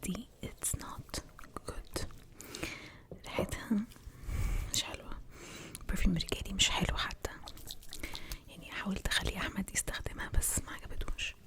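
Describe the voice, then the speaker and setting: A young Egyptian woman doing ASMR in an intimate, breathy whisper, mixing in English words and softly repeating words as triggers. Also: medium pitch, level tone, moderate pace, long pauses.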